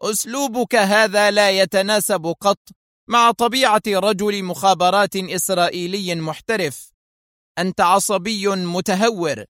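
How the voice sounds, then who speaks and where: A man's voice: sits high, fairly bright tone, no room sound, studio quality, pitched above the performer's own voice. A man voicing a cold, stern male intelligence officer who speaks in an icy, commanding, menacing way.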